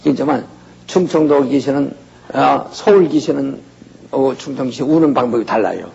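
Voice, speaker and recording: A man's voice: medium pitch, normal speed, vocal fry, darkish tone, husky. An older man giving a folksy, conversational Bible lecture, often checking in with his listeners. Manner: folksy, keeps asking "예?" to the audience. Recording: lo-fi recording in a reverberant hall.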